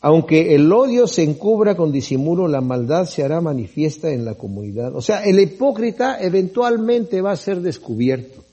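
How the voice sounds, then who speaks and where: A man's voice: a little high, expressive, moderate pace, hardly any pauses, warm tone, husky, muffled recording. A middle-aged man preaching as a pastor, reading scripture aloud and explaining it conversationally, often asking "right?". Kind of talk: sermon.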